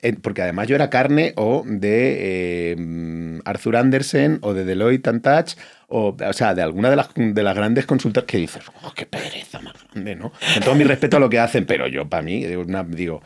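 A man's voice: lowish voice, lively intonation, moderate pace. A middle-aged man from Spain, an actor and the guest, telling anecdotes in casual conversation, acting out quoted lines and often restarting his sentences. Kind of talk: casual interview chat.

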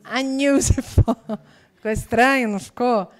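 A woman's voice: a little high, normal speed. Chatty woman teaching a class. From Brazil. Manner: chatty, explains with lively asides. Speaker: English teacher. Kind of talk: live online exam-prep class.

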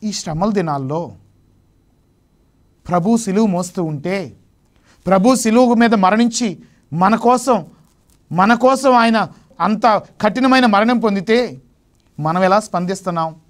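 High-voiced man preaching emphatically. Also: measured pace, pauses often. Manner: emphatic preaching, rising sharply on key phrases. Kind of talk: Lenten sermon. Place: television studio.

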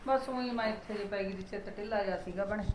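A woman's voice: mid-range voice, fast, echoey room, a little hiss or hum, natural voice, poor audio. A woman with a Punjabi accent playing a worried, apologetic mother-in-law who laments her son's behaviour. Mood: lamenting.

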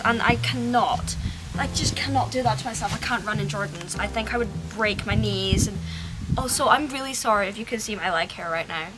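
A woman's voice: a little high, echoey room. A young woman in her twenties chatting casually on a vlog, joking at her own expense. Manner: chatty, self-deprecating, joking. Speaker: fitness vlogger. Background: background music.

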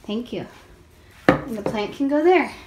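A young mother hosts a casual home vlog in a high, bright-pitched voice. She chats along and keeps asking her toddler questions. A faint hiss sits under the recording. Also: lively intonation, a little slow. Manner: chatty, asks a toddler questions.

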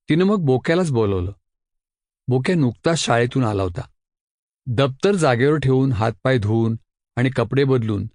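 Brief: male audiobook narrator, plain mid-pitched voice, steady and dry. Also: no room sound. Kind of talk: scripted children's storybook narration.

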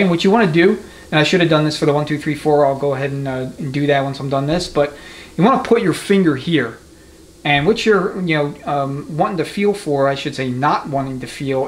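A transmission mechanic with a fairly high voice speaks at a fairly quick clip during a hands-on demonstration. Unscripted and conversational, he explains things methodically, with workshop noise clearly audible in the indoor repair shop.

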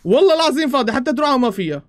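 A man's voice: very high-pitched, very animated, rapid-fire. A man hosting casual gameplay chat over voice chat, pleading, swearing oaths and laughing a lot. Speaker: gaming channel host.

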